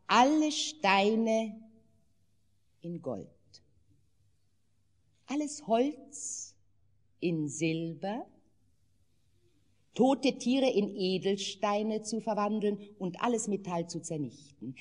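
An older woman narrating a fairy tale in a measured, expressive dramatic reading. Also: mid-range voice.

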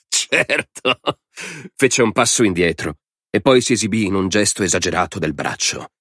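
A man reading an audiobook in a steady, measured narration. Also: low-pitched, dry recording, clean studio sound.

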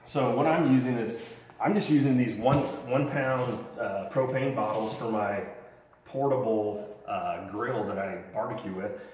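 This home renovation vlogger, a man in his thirties with a mid-range, slightly mellow voice, explains a DIY woodworking project at a measured pace, chatty and rambling, in a large unfinished basement. Recorded on a camera-mounted mic a few steps away, he sounds far from the mic and off-mic, with slight background noise and the echo of the roomy basement.

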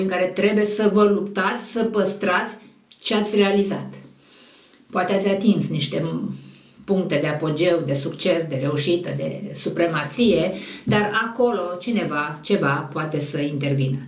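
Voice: mid-range voice, reverberant, distant mic. An astrologer giving a monthly horoscope in a conversational, digressive way that often corrects itself.

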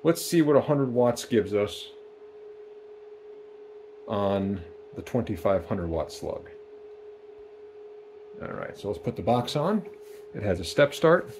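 A man's voice: fairly low pitch, expressive, slow pace, pauses often, a little mellow, slight background noise. A man casually demonstrating equipment in a small workshop, plain-spoken with frequent ums, speaking off camera. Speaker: amplifier builder demonstrating equipment.

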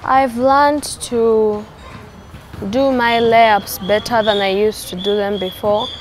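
A woman's voice: fairly high pitch, fairly even intonation, slow pace, soft background music. A young woman camper in a documentary interview, speaking carefully. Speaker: camp participant.

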